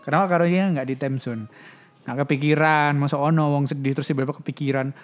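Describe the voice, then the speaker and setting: A man's voice: fairly high pitch, steady tone, fast, faint music behind. A young man talking casually and reflectively, with self-mocking laughter. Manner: chatty, reflective, laughs at himself. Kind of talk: casual personal talk.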